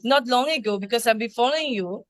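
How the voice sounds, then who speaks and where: A woman's voice: on the high side, quick pace, no echo. A woman with a French accent hosting an interview show, greeting her guest with effusive compliments. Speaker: talk show host.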